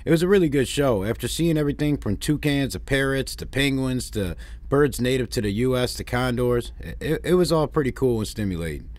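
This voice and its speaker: A man's voice: mid-range voice, expressive, a little fast, darkish tone, no room sound. A man from Detroit narrating a family road-trip vlog in a plainspoken, wry way, with dry complaints. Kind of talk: narrated travel recap.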